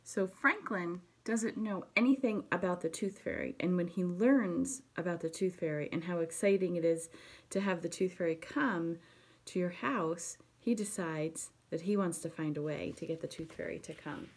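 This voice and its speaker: A woman, a pre-K teacher, reading a picture book aloud to children, explaining the pictures gently. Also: fairly low pitch, normal speed, slightly rough.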